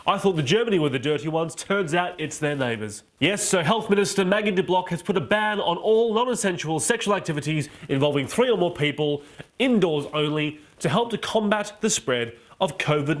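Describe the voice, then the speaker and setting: A man delivers a satirical comedy monologue with a teasing, mocking edge. His voice sits a little higher than most men's. He drops playful asides between the jokes. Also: expressive, a little fast. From Australia. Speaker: comedy show host.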